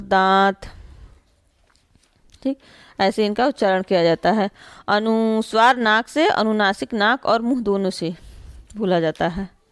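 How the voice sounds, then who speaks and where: A woman with a clear, smooth voice teaches grammar in a patient, step-by-step way. She checks in with her students often and stretches sounds out to show how they are pronounced. The recording is dry, with no room sound. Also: mid-range voice, no room sound. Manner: explains slowly with many fillers and repeated "ठीक है" checks; draws out sounds when demonstrating pronunciation. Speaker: Hindi teacher. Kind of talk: classroom grammar lesson.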